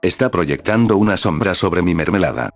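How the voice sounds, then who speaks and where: A man's voice: deep voice, lively intonation, normal speed, dry recording, soft background music. A man voicing a wry, unbothered young male professor who teases dryly, in a storybook reading. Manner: dry and teasing.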